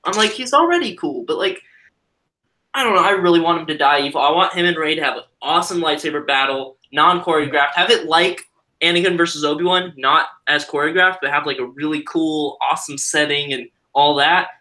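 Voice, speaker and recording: A man talks as a guest on a live stream, his voice sitting a little high with a crisp, bright edge. He rambles, stops himself and restarts his thoughts in a relaxed, chatty way. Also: brisk. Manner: rambling, self-interrupting. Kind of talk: casual chat.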